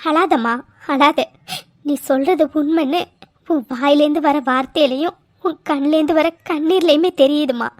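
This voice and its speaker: A woman voicing a calm older cartoon mother-in-law. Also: sits high, moderate pace, no room sound, lightly acted. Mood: soothing. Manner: soothing, direct. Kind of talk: cartoon voice acting.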